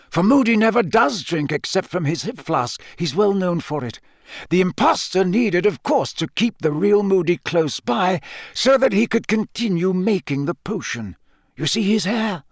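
A calm, wise old headmaster speaks gently and deliberately, as a man puts him on in an audiobook. His tone sits somewhat above the reader's own, lifted and patient, in a close and dry recording. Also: high-pitched, no echo, pitched above the performer's own voice, heavily acted. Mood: explaining. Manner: measured, explanatory, soft-spoken. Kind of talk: audiobook character voice.

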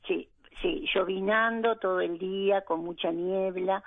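Lady calling in on a crackly phone, kinda gravelly, dry, lots of um's. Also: mid-range voice, steady tone, measured pace, dry recording. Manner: hesitant, many filler words. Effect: crackly phone line with interference. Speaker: founder of a family food business. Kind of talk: phone interview. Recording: tinny crackly phone line.

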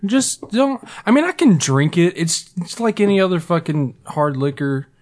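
A man's voice: a little high, expressive, normal speed, darkish tone. A man co-hosting a casual podcast, rambling with lots of fillers and swearing freely. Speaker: podcast co-host. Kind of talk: casual chat.

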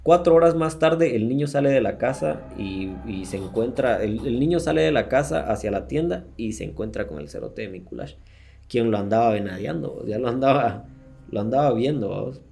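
A man's voice: mid-range voice, expressive, normal speed, vocal fry, warm tone. A man with a Guatemalan Spanish accent hosting a podcast, retelling true-crime cases in a crude, slangy way with swearing and laughter. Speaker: podcast host. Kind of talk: casual true-crime storytelling.

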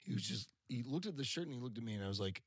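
A man in a band telling a story in casual chat, animated and swearing, acting out the people in it. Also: medium pitch, very fast, husky, no room sound, studio quality. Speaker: band member.

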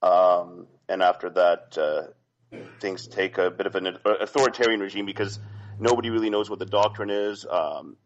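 Low-voiced man calling in over a dull line. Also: a little hiss or hum. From Canada. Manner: polite and halting, with many fillers and restarts. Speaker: caller. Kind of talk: phone-in question.

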